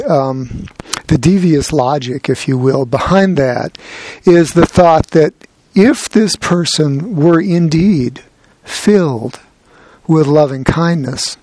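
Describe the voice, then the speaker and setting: Slow easygoing guy giving a dharma talk, gentle, bit of humor, dry sound. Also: a little high, dry recording. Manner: gentle, reflective, lightly humorous. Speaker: meditation teacher.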